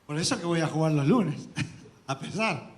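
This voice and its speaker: Argentine guy preaching in church, kinda high voice, earnest testimony w little laughs. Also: lively intonation, moderate pace. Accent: Argentine Spanish. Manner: earnest, shares personal testimony with soft laughs and restarts. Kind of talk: sermon.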